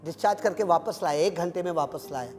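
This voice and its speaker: A high-voiced man preaches with fervent energy. He swings from loud, pleading calls down to low, intense asides, and he drops English phrases into his preaching. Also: fast talker. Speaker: pastor. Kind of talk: fervent sermon.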